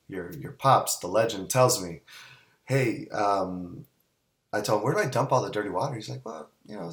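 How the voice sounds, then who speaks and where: Low voiced guy telling a messy funny story, lots of restarts. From Southern California. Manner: animated, rambling anecdotes with many restarts. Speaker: guest business owner. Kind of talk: casual storytelling.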